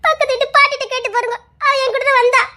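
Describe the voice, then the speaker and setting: A heartbroken young woman, crying and laughing at once as she reproaches the man who left her, played by an actress. Her voice sits very high and rings bright. She talks fast and will not give up. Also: level tone. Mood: tearful. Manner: pleading, reproachful, laughing through tears. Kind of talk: screen drama acting.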